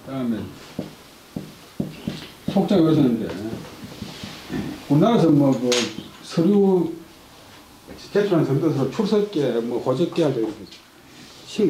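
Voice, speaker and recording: An older man lecturing on a classical Chinese text, explaining it word by word, repeating terms and reading the original in a slow chant. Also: medium pitch, big pitch swings, background noise.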